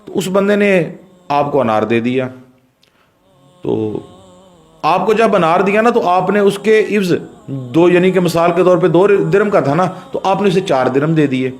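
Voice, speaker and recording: A pir with a Pakistani Urdu accent preaches a religious sermon as a story, his fairly high voice full of lively intonation. Addressing listeners directly, he drops into low murmurs and then rises into raised, emphatic lines.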